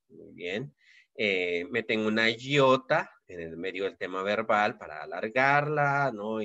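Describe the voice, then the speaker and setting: A man teaching a Greek grammar class, explaining slowly with many fillers and checks for understanding. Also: fairly low pitch, a bit bright, no echo, muffled recording. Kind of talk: recorded class lecture.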